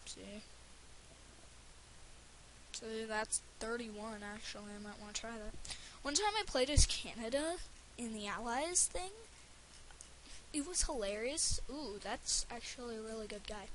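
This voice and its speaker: A woman's voice: on the high side, measured pace, fairly bright tone, low-quality recording. Rambling young gamer woman, faint hiss. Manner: rambling, stumbles and restarts, filler "um" and "like". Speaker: let's play gamer. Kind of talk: casual gameplay commentary.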